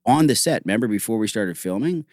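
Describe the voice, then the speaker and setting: A fairly low-pitched, middle-aged man speaks in a close, dry sound as host of a casual podcast chat. He tells stories in an animated way, stops and restarts often, and leans on "like" while acting out what others said. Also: quick pace, no room sound. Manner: animated storytelling, acts out quotes; heavy use of "like", frequent restarts.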